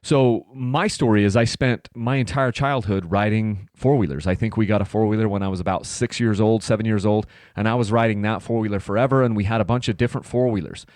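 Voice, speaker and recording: Low-voiced man in his thirties hosting a podcast. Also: fairly even intonation, brisk, few pauses, a little mellow, no room sound, clean studio sound. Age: 30s. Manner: rambling, many fillers and restarts. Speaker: podcast host. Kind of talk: casual solo podcast talk.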